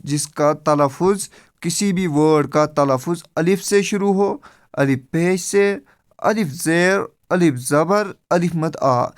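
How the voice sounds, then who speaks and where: A male teacher walks through a grammar lesson on slides. He poses questions to the class and answers them himself, going step by step and repeating the key words. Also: sits high. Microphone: screen recording with slides.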